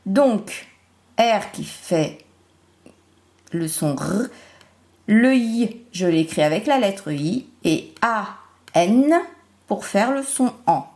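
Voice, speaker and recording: Slow, lively-voiced woman teaching phonics. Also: medium pitch. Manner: slow, deliberate, spells out syllables and sounds. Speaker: primary school teacher. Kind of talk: remote phonics lesson for young children.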